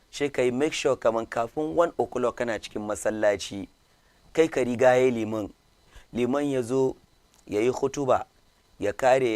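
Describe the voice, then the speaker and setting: A man hosting an interview, preaching in Hausa before calmly questioning his guest and repeating her answers back. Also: mid-range voice, no echo. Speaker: host. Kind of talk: radio interview, opens with Hausa sermon.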